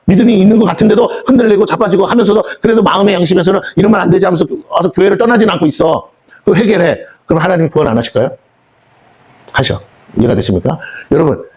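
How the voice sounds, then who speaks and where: A man's voice: fairly high pitch, expressive, fast, a little mellow, slightly rough. A middle-aged man preaching at a prayer meeting in a conversational way, often putting questions to the congregation and acting out what other people say. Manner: conversational, asks the congregation questions and acts out quoted speech. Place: prayer house hall.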